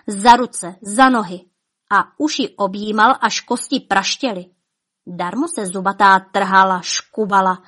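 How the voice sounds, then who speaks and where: A woman reads a fairy tale aloud in a rhythmic, theatrical way. Her phrases rise with tension and then sink to soft, hushed endings. Her pitch sits in an ordinary middle range. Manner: rhythmic, dramatic delivery with soft drops. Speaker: storyteller. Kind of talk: expressive fairy-tale reading.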